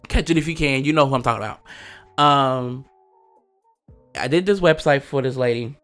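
A man hosting a podcast, telling a personal story in a casual, animated way, laughing often and acting out the voices he quotes. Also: medium pitch, moderate pace, soft background music. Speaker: podcast host.

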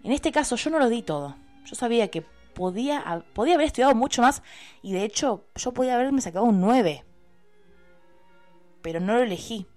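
A young woman with an Argentine Spanish accent, a university student telling a personal story in a casual, expressive, chatty way and swearing freely. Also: fairly high pitch, brisk, soft background music. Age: young adult.

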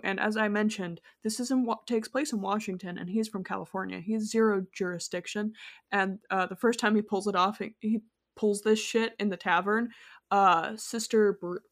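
A woman co-hosting a podcast, talking casually about a movie, rambling and correcting herself as she goes. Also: mid-range voice. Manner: rambling, self-correcting, animated asides. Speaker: podcast co-host. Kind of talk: casual chat.

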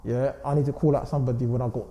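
A man's voice: mid-range voice, fairly even intonation, racing, dark tone. A man with a London roadman accent talking casually in street slang in an interview, emphatic and defensive, often checking he is understood. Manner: defensive, emphatic, repeats check phrases like "do you know what I'm saying". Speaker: blogger interview guest. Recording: roomy echo.

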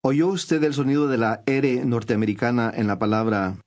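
A man reading scripted instructions for a language course, clear and measured. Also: mid-range voice, darkish tone.

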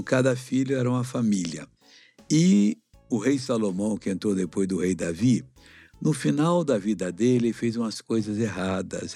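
A middle-aged missionary Bible teacher and host with a Brazilian accent leads a children's Bible lesson in an avuncular, didactic way, explaining and asking simple questions like an uncle. His lowish voice is creaky and dark with a breathy edge, recorded with no room sound.

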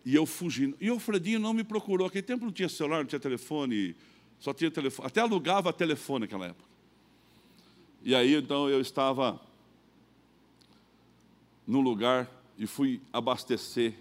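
A middle-aged pastor with a Brazilian Portuguese accent preaching a sermon, telling a personal story and acting out both sides of the dialogue. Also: male voice, mid-range voice. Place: church.

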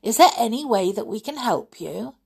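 A woman reading aloud, voicing a cheerful, eager young girl with bright exclamations. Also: on the high side, animated, normal speed, gravelly, husky, heavily acted.

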